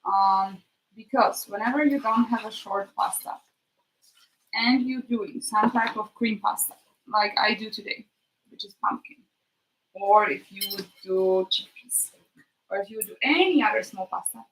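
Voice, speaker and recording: A woman with a medium-pitched voice talks casually to viewers while cooking in her kitchen. She thinks aloud haltingly, letting phrases trail off. Faint noise and clicks of kitchen work sit behind her voice. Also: fairly bright tone, low-quality recording. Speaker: streamer hosting a live cooking chat. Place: kitchen, next to the sink.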